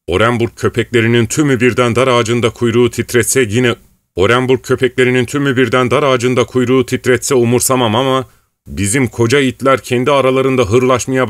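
A man voicing a boisterous, commanding male rebel leader in a bantering, loud manner in an audiobook. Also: mid-range voice, a little fast, no room sound, clean studio sound, pitched above the performer's own voice, close to an everyday voice.

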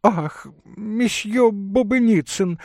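A man voicing a shrill, chattering society lady. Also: takes it slowly, a little mellow, dry recording, studio quality. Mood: chirping. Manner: chirping, breathless, gushing. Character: flighty chattering lady caught in a lie. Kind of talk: audiobook character reading.

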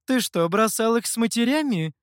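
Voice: medium pitch, animated, moderate pace, dry recording, studio quality, pitched above the performer's own voice, natural voice. A reader voicing a sly, teasing female fox demoness in an audiobook, speaking in a mocking, playful way. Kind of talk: audiobook character voice.

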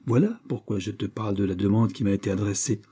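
Man reading a strict old-school dad laying out his reasons, husky mellow voice, audiobook. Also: on the low side. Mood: firm. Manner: measured, lecturing, firm. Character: stern, reasoning middle-aged merchant father.

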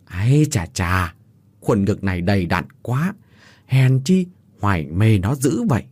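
A man voicing a jealous, cruel young woman who taunts her captives with snarling, shrill outbursts. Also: big pitch swings, measured pace, darkish tone, dry recording, exaggerated voice. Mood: mocking.

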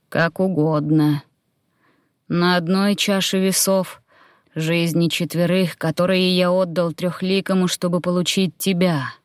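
A woman reading an audiobook voices an old grey-haired male druid, cold and calculating, who speaks slowly in a low, wheezing murmur. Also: clean tone, no echo, clean studio sound, close to an everyday voice.

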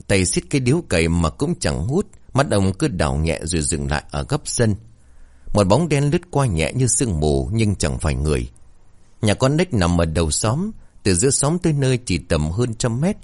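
A man narrates a spooky folk tale, building suspense. His voice is very deep yet moves a lot in pitch. The recording is dry and close. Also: a little mellow, no room sound. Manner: dramatic, suspenseful. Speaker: storyteller. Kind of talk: scripted horror story narration.

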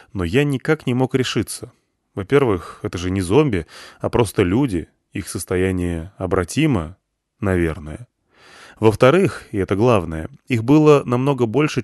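A man narrating first-person fiction as an audiobook in a calm, measured, wry manner. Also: lowish voice, no echo, studio quality.

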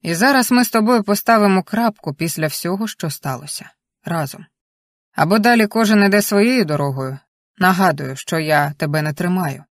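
An audiobook reader voicing a grown man, a calm and firm husband, in a measured, earnest, quiet way. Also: medium pitch, no echo, clean studio sound, lightly acted. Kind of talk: audiobook dialogue reading.

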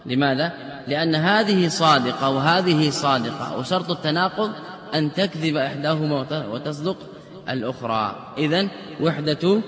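A man's voice: a little high, lively intonation, moderate pace, a bit bright. A man teaching a classroom lecture on logic, explaining step by step with example sentences and rhetorical questions. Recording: echoey hall with long reverb.

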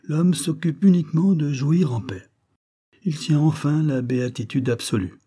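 A man narrating a literary story in a measured reading voice. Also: on the high side, warm tone, husky. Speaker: audiobook reader.

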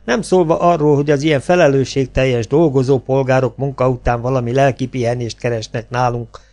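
A man's voice: medium pitch, steady tone, darkish tone, close to an everyday voice. A man voicing a worldly cabaret actress who lectures her friend in a weary, reproachful way. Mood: lecturing.

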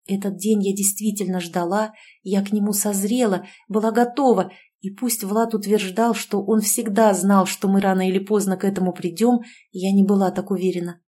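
A woman giving gentle first-person narration of a fantasy romance audiobook. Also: medium pitch, steady tone, normal speed.

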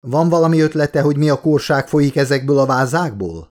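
Narrator playing a gruff captain, loud commands, pitched up. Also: male voice, lively intonation, natural voice. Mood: commanding. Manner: barking orders, raised voice. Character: commanding ship captain, middle-aged man.

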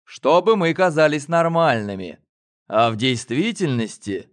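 A man voicing a shrewd, calm elder male telepath in an audiobook. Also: a little high, measured pace. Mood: measured, commanding. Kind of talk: audiobook character voice.

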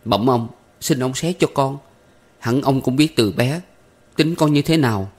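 A man's voice: mid-range voice, a little slow, a little mellow, pitched above the performer's own voice, natural voice. A man voicing an anxious young man who humbly pleads with his elders. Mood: pleading.

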